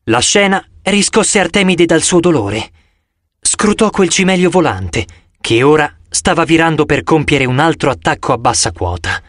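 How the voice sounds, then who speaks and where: A man narrates a novel in the first person with a dramatic, expressive reading. His voice is fairly high for a man. The recording is close and very dry. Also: moderate pace, dry recording. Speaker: audiobook narrator. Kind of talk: scripted audiobook narration.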